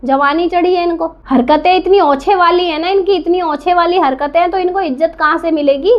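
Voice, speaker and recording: A woman's voice: very high-pitched, fairly quick, highs cut off. A woman giving an indignant, scolding commentary to camera, firing rhetorical questions and repeating her points for emphasis. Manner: defiant, repeats herself for emphasis. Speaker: reaction vlogger.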